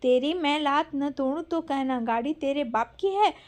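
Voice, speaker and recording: A woman's voice: sits high, normal speed, natural voice. A woman voicing a thin, furious clerk screaming curses. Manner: shouting curses.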